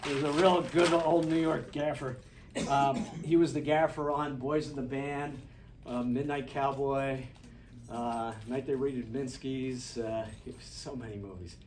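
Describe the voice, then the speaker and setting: A man with a mellow, mid-range voice and fairly even intonation teaches film lighting at an unhurried pace in a hands-on workshop, chatting loosely with asides and restarts. He's in a studio classroom with a group, recorded distantly in an echoey room with noisy ambience.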